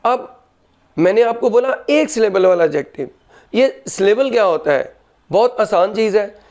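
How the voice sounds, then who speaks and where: A man teaches a grammar class. He explains each point patiently and drops into slow, careful dictation when giving the rules. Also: sits high, expressive, a little mellow.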